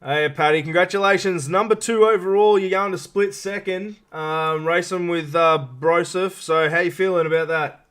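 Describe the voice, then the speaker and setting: Male host, fairly high smooth voice, informal and matey, halting interview questions. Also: fairly even intonation, a bit bright. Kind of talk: casual live interview hosting.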